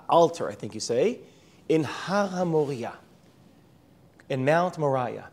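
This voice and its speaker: A man's voice: on the high side, a little mellow, husky. An Israeli man with an American-sounding accent, lecturing on a Bible book, often restarting words and mixing in Hebrew terms. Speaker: Bible teacher.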